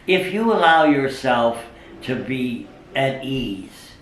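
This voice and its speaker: Older male storyteller in an interview, animated and fond of voicing quotes, mic set well back in an echoey room. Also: mid-range voice, slow, a little hiss or hum. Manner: animated storyteller who acts out quoted speech, with frequent "uh" fillers. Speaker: psychic interviewee. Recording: roomy sound from a distant mic.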